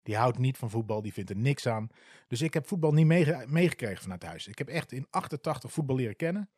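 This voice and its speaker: A man in his forties from the eastern Netherlands speaks in a relaxed, conversational way. He often pauses on filler sounds while he gathers his thoughts, and his voice sits at an ordinary middle pitch. The recording is dry, with almost no room sound. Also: husky, dry recording. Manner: candid, hesitant, with many filler sounds. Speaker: football club supporter. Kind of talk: casual spoken storytelling.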